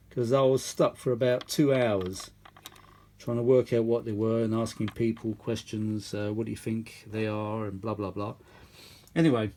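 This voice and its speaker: A vintage audio repair hobbyist hosts a video, talking at medium pitch in a darkish voice. He gives rambling, matey, hands-on commentary full of tag questions, recorded on a phone held or propped at his workbench with a little hiss or hum.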